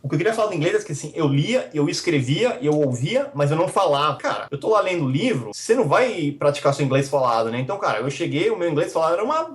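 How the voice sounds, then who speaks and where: Podcast guest: Brazilian man, São Paulo accent, rapid animated storyteller, slightly high-pitched. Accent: São Paulo Portuguese. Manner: animated storytelling, many fillers like cara and bicho. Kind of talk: casual interview chat. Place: remote, abroad.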